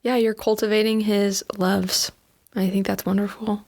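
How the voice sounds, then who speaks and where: A woman's voice: mid-range voice, little pitch movement, moderate pace, a little mellow. A woman co-hosting a faith podcast, speaking in an earnest, reflective way in casual chat. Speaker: podcast co-host.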